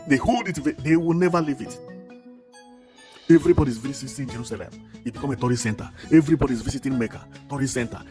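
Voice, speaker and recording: A man's voice: mid-range voice, a little mellow. A man narrating a building tour, exclaiming and repeating himself with enthusiasm. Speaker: vlogger.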